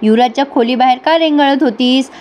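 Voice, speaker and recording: A woman voicing a bossy, scheming middle-aged mother-in-law who scolds and gives brisk orders. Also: high-pitched, darkish tone, natural voice. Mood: bossy, coaxing.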